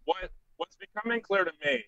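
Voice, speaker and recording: A man's voice: very high voice, expressive, moderate pace, gravelly, sharp tone, no echo. A man arguing earnestly on a group video call from a tablet, his voice cutting in and out as the connection drops. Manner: earnest, argues in broken fragments. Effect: voice cutting in and out over a weak online call connection. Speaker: hangout participant. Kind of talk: casual debate on a group call. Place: on the road. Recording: dry, muffled call audio.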